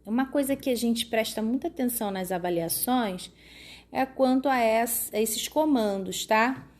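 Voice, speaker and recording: A woman teaching a lesson to young children, explaining patiently and often checking that they follow. She draws words out slowly when sounding out syllables. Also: a little high. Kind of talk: recorded classroom lesson for children.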